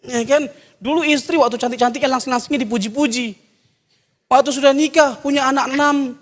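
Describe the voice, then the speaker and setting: A man preaching a sermon, animated, jumping from loud exclamations to soft asides and mimicking people for laughs. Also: very high-pitched, a little fast. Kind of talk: sermon with jokes. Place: church hall. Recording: long church hall reverb.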